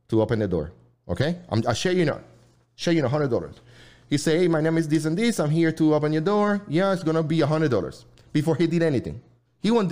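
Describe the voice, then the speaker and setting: A man co-hosting a casual live chat show, talking in a rambling, halting way with many restarts and fillers. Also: medium pitch, dark tone. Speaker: livestream co-host.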